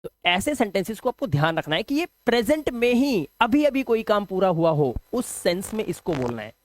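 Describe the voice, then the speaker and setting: A man with a Hindi accent teaching an English grammar lesson, lively and joking, firing rhetorical questions at his students. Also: high voice, normal speed, no room sound.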